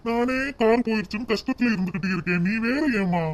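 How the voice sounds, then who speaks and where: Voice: mid-range voice, quick pace, natural voice. A voice actor playing a guilt-ridden husband in a cartoon, pleading and soothing. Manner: pleading and soothing, breaks into tears. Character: husband, guilt-ridden drinker who lost his car. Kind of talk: cartoon voice acting.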